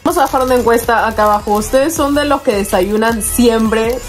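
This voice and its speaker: A young woman chatting casually as she unboxes toys, excitable, often squealing over cute little figures. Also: a little high, a little fast, faint music behind. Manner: chatty, uses many diminutives. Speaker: toy collector vlogger.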